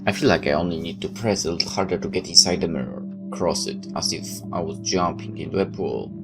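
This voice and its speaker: A low-voiced man, talking a little fast, narrates a first-person story like a casual gamer. The reading is loose enough that he slips in his own side comments, with soft background music playing behind him.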